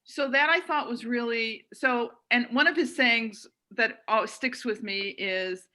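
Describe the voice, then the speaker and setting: Bright-voiced woman telling an anecdote. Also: fairly high pitch, measured pace. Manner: lively, anecdotal, quotes a teacher. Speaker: club member. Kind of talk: anecdote on a video call.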